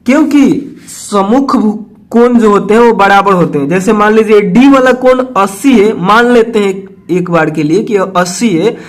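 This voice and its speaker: A man teaching a school math lesson, repeating each point patiently and checking in with a quick "okay" after each step. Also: high voice. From Bihar, India.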